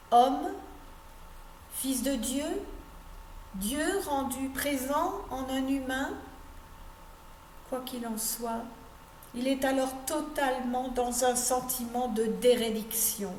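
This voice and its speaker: Woman, pastor, measured and emphatic, very slow delivery, faint background noise. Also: high voice, darkish tone, roomy sound. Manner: measured, emphatic on key phrases, voice dropping at sentence ends. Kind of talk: slow meditative sermon reading.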